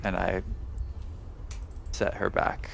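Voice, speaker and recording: A man playing a tabletop game, narrating his character's actions in a hoarse, gruff, terse way. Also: slow, fairly bright tone, a little hiss or hum. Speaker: player.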